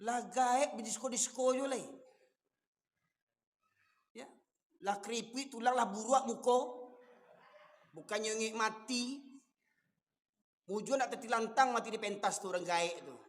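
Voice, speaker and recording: A man with a Minangkabau accent preaching a sermon, fiery and emphatic, often surging to loud peaks. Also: very high voice, takes it slowly, long pauses. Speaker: Islamic preacher. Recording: long echoey hall reverb.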